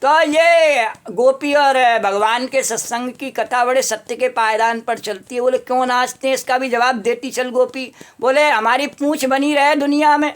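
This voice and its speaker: High-voiced woman preacher telling a devotional story. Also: fairly even intonation, normal speed. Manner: storytelling sermon broken by call-and-response chants.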